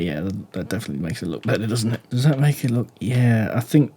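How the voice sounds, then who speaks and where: The speaker is a male gaming YouTuber giving relaxed commentary on a build. He deliberately keeps quiet and low while musing aloud and asking viewers questions.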